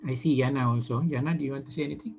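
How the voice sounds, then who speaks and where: Hoarse lecturer on a video call. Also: male voice, mid-range voice, fairly even intonation, very fast, noisy background. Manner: hesitant with many fillers, checks understanding. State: losing his voice, coughing. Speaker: university lecturer. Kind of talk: online lecture.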